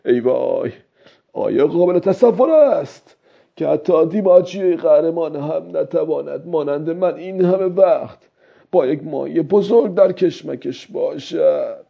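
A man's voice: a little high, lively intonation, gravelly, husky, pitched above the performer's own voice, full character voice. A man voicing a weary, stubborn old male fisherman who talks to himself in a strained, pleading way, on a dull lo-fi recording. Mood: anxious pleading.

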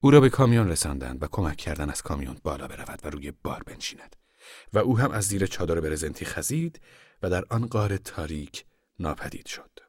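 A low-voiced man reading an audiobook in a measured, even way. The sound is dry and close, with no room around it. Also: no room sound. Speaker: narrator. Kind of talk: scripted audiobook narration.

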